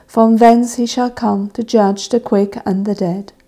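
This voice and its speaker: A woman leading a church service, reading scripture and prayers in a measured, solemn intoning manner. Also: medium pitch, fairly even intonation, mellow. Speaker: service officiant. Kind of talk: liturgical reading of evening prayer.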